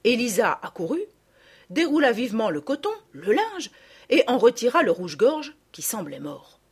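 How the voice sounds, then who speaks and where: A woman narrating a children's storybook in a lively, expressive reading. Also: a little high, moderate pace, breathy edge.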